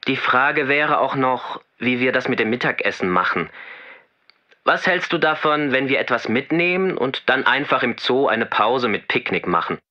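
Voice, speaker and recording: A man leaves a friendly, chatty message on an answering machine. His voice is bright and forward. It plays back dull and lo-fi, as from the machine. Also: mid-range voice, lively intonation, moderate pace. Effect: message left on an answering machine. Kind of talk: scripted exam listening recording.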